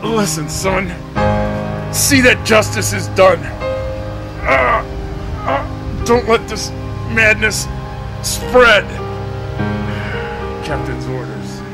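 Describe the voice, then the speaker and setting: An actor playing a bitter, war-haunted old sea captain with a melodramatic, halting delivery in a noir parody. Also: male voice, high-pitched, very animated, vocal fry, music in the background, heavily acted. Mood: dying, solemn. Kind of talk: scripted film noir parody.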